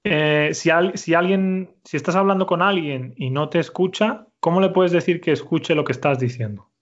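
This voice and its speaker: Male language teacher, patient and clear, a bit high-pitched, muffled recording. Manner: patient, slow and clear, repeats answers. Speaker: Spanish teacher. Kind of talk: conversational language lesson.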